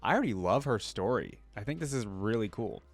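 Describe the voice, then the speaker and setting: This reaction-video host has a fairly low, expressive voice and goes a little fast. Covering game character lore, he reads passages aloud, interjects his own thoughts and keeps up casual, enthusiastic commentary.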